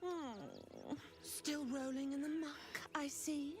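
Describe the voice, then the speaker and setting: Video game villainess in the mind, slow, hissing whisper, music bed. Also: female voice, sits high, a little mellow. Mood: menacing. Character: sinister whispering female voice in the head. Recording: game audio over music.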